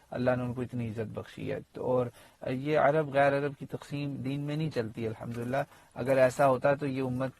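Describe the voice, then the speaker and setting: A man giving a spoken tajweed lesson in an explanatory way, pausing often on fillers and asides. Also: mid-range voice, a little mellow, no echo. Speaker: Quran teacher and imam.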